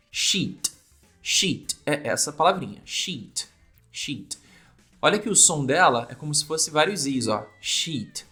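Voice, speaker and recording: A man with a Brazilian accent teaching English at a whiteboard in an energetic video lesson, talking in a lively, animated way. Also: fairly high pitch. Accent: Brazilian Portuguese. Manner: lively, animated, voices mock student questions. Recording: echoey room with faint music.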